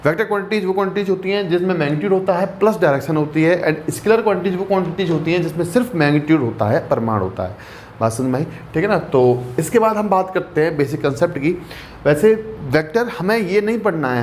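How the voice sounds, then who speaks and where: There's slight background noise as a maths teacher with a somewhat high voice lectures his class. He often asks rhetorical questions to check in, and he mixes English terms into what he explains.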